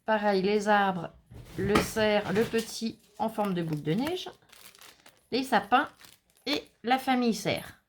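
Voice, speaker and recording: A woman with a middle-range voice talks through a crafting tutorial in a relaxed, chatty way. She keeps turning to her viewers with little fillers and asides as she explains each step. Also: mid-range voice, takes it slowly, noisy background. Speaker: craft channel host.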